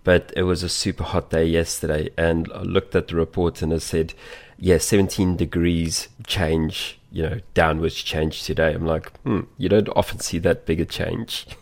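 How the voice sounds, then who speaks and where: A deep-voiced man hosts an interview podcast. He asks his questions in a relaxed, conversational way. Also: normal speed, creaky. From Australia. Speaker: podcast host. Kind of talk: casual interview chat.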